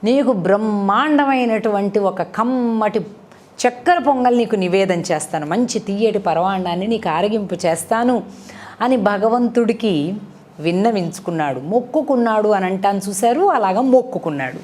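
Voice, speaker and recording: Animated at a moderate pace, her medium-pitched voice has a darkish tone. She weaves moral storytelling into a devotional discourse, teaching in a conversational way and putting rhetorical questions to those listening.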